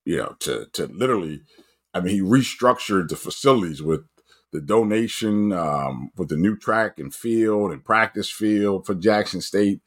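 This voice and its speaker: A man, a coach, talking casually about college football, his voice jumping up when excited and often restarting his sentences. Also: normal speed. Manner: animated, pitch jumps up when excited, frequent restarts. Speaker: coach and guest analyst. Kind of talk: casual sports talk.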